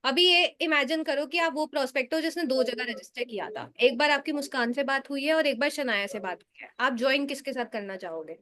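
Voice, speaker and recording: A woman's voice: high-pitched, brisk, hardly any pauses, pushed and bright. A woman sales trainer giving direct, coaching feedback on mock calls, asking her team for honest critique.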